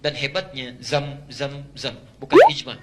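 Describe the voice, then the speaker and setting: A man's voice: mid-range voice, steady tone, unhurried, very noisy. A middle-aged man preaching a sermon, emphatic, repeating key phrases and chanting Quran verses. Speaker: Islamic preacher.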